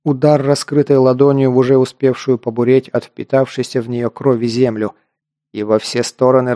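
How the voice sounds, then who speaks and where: Guy narrating a fantasy audiobook, warm dark tone, super dry close mic, steady storyteller. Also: medium pitch, dry recording. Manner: steady storytelling, dialogue acted with raised voice. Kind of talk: scripted first-person fantasy narration.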